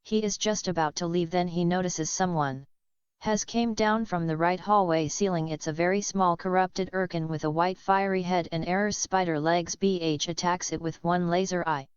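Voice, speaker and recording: A woman narrating a fan-made cartoon story in a plain, halting reading style, on a dull lo-fi recording. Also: lowish voice, steady tone, clean tone, dry recording.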